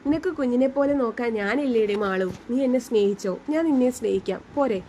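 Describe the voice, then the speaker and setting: A woman voicing a loving young husband who calmly soothes his wife. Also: on the high side, a little fast, a little hiss or hum, close to an everyday voice. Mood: soothing. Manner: soft, soothing.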